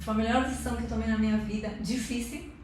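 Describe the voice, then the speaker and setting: In an echoey room picked up by a far-off mic, a woman tells her emotional church testimony as an interview guest, with a slight hiss or hum in the background. Her fairly high voice comes out rapid-fire, earnest and lively, with tag questions sprinkled in.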